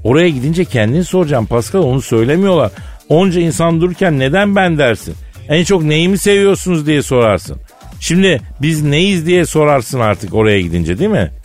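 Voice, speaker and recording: A man's voice: a little high, very animated, fairly quick, soft background music. A man hosting a comic radio show, teasing his partner with a mock-serious tale in a studio. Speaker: radio comedy host.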